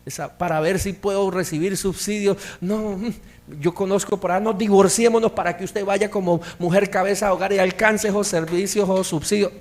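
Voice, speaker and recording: A man's voice: high voice, fairly even intonation, brisk, a little mellow. A middle-aged male pastor preaching a sermon in a church hall, rising into emphatic bursts as he speaks.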